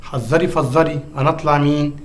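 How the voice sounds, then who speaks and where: Actor doing a flirty egyptian journalist guy, slightly high, fast talker. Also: slight background noise, close to an everyday voice. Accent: Egyptian Arabic. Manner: flattering, smooth.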